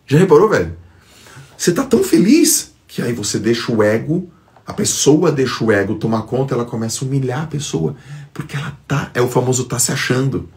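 A man's voice: mid-range voice, big pitch swings, brisk, darkish tone. A man giving an emphatic motivational talk to followers on a phone live stream, acting out quoted thoughts.

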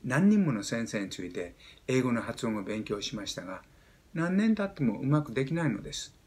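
A Japanese man in his seventies teaching pronunciation, explaining step by step and demonstrating sounds with animated emphasis. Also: medium pitch, brisk. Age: 70s. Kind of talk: explaining lesson.

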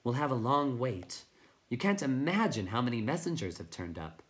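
A man's voice: mid-range voice, big pitch swings, moderate pace, voice pushed up, natural voice. A man voicing a tiny, condescending male creature who talks in a chirpy, twittering way.

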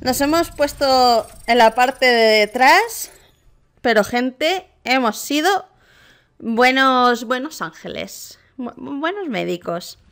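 Young woman, Spanish accent, bright voice, excitable gameplay commentary, shrieks and laughs. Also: high voice, slow. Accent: Spanish from Spain. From Spain. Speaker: gaming YouTuber.

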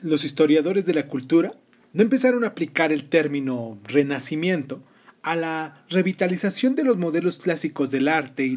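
A man with a slightly high-pitched voice hosts a history podcast. He reads narration and speaks informally to his listeners. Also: a little mellow. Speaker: podcast host. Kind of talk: history podcast, partly read narration with casual asides.

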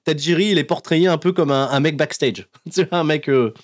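A man hosting a podcast, recapping in a casual, animated storytelling way and laughing often between fillers. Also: on the high side, brisk. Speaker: podcast host recapping wrestling episodes.

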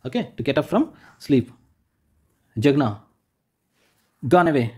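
A man with a slightly high, husky, warm voice takes his time, letting his pitch rise and fall widely. He teaches children a school textbook lesson, patiently repeating and rephrasing each point. He points and demonstrates as he goes, saying "like this."

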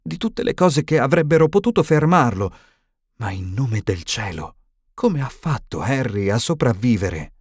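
A man voicing a stern elderly female professor in an audiobook, higher and tremulous, shaken and indignant. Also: very animated, measured pace, husky, no room sound, clean studio sound.

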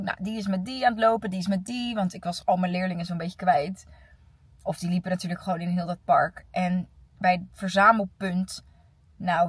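Young Dutch woman vlogger, casual and chatty, slightly husky, close dry sound. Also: fairly low pitch, dry recording, far from the mic. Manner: chatty, animated storytelling. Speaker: vlogger, teacher. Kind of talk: casual weekly vlog. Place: car and on the go.

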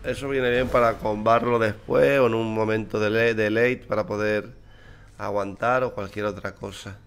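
A man's voice: lowish voice, fairly even intonation, normal speed, clean tone. A tired young man from Spain with a Spanish accent, casually commenting on his card game, chatty, swearing and teasing his opponent. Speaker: streamer. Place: small room indoors.

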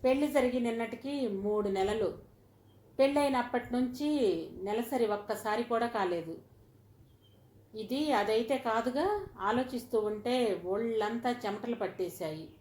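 A woman narrating a family story in a steady, even storytelling manner. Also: a little high, measured pace, pauses often. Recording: roomy echoey recording.

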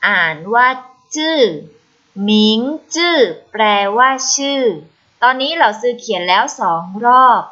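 A woman with a Thai accent teaching a children's Chinese lesson for video, patiently repeating words slowly for pupils to copy. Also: a little high, expressive, pushed and bright. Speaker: primary school Chinese teacher. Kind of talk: recorded online lesson. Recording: slightly dull lo-fi recording.

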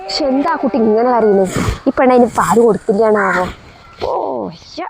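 A woman plays a bossy middle-aged mother-in-law in a home family skit, speaking. Her voice sits high and sharp as she nags and hurls insults without letup. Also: lively intonation, moderate pace, slight background noise, lightly acted. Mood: scolding. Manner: nagging, shrill, scolds and insults.

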